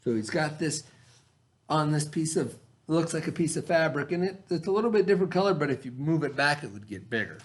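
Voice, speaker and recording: Reading briskly to his students, a male teacher with a fairly high voice uses very lively intonation that rises and falls widely. He stresses and repeats important words, pausing to give simple explanations as part of an expressive educational read-aloud.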